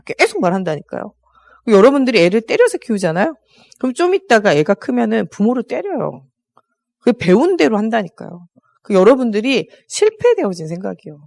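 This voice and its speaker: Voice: mid-range voice, creaky, no room sound. Preacher talking to the congregation, voice all over the place, lots of questions thrown out. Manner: animated, asks the congregation rhetorical questions. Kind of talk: conversational sermon.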